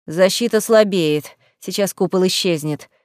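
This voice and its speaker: A brutish male estate owner barks and jeers at his captives in a coarse, loud voice, as a woman reading the story puts him on. He sounds boorish and cruel. The audiobook recording is dry and close. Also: on the low side, a little slow, no echo, close to an everyday voice. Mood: commanding.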